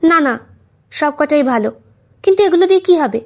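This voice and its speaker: Woman putting on high young daughter voice, shy, fretful, audio storybook. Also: expressive, fairly quick. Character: young adult daughter, shy, slightly impatient.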